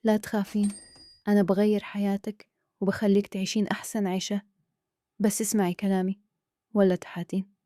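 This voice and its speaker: A woman with a Kuwaiti accent voicing a calm, scheming man who speaks in a hushed, persuasive way. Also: mid-range voice, brisk, pauses often, no room sound, clean studio sound, natural voice. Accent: Kuwaiti Arabic.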